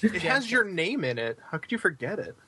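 A man's voice: high voice, very animated, fairly quick, bright, forceful tone. A man co-hosting a casual podcast chat, easygoing and teasing. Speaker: podcast co-host.

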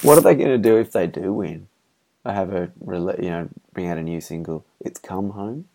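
A man co-hosting a podcast, chatting casually about sport with dry, quick quips. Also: low voice, creaky, warm tone. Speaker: podcast co-host.

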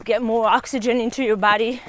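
A woman coaching a runner outdoors on a hilly trail, giving steady, encouraging instructions. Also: fairly high pitch, fairly quick. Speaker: running coach. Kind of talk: coaching on the run.

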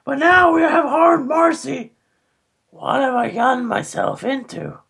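A woman voicing a melodramatic teenage girl in a comic dramatic reading, often shouting. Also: sits high, lively intonation, unhurried, vocal fry, full character voice. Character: overwrought teen girl gamer, melodramatic.

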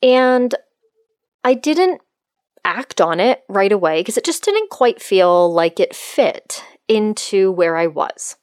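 Slow-paced, friendly middle-aged woman podcast host. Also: mid-range voice, big pitch swings, darkish tone, no room sound, studio quality. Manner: open and friendly, addressing listeners as friends. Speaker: podcast host and life coach. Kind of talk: solo podcast monologue to listeners.

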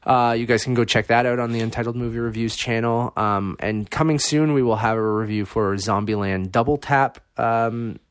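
A man's voice: medium pitch, steady tone, normal speed, few pauses, clear, resonant tone, no echo, studio quality. A Canadian man around thirty co-hosting a casual, laid-back, sometimes profane podcast, recorded on a cheap phone mic. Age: 30s. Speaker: podcast co-host. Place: bedroom in a house. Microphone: handheld iPhone mic, close.

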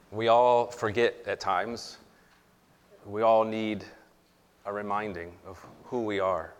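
A man's voice: lowish voice, fairly even intonation, slow pace, pauses often, smooth. Man leading communion with cathedral echo. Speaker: pastor. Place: church sanctuary. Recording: long reverb in a large church hall.

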